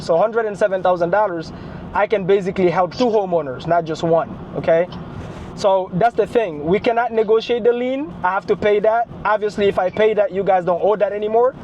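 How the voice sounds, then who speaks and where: Man, high-pitched, explanatory investor pitching terms on a three-way phone call, faint noise behind. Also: fairly quick, darkish tone. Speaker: real estate investor.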